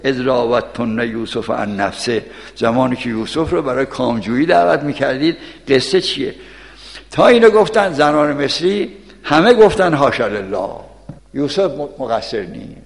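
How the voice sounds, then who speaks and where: A man with a gravelly, medium-pitched voice, a Quran teacher, gives a casual exegesis sermon in a hall with long, echoey reverb. He moves between reciting Arabic verses and chatting in everyday street Persian, putting questions to the audience and then answering them himself.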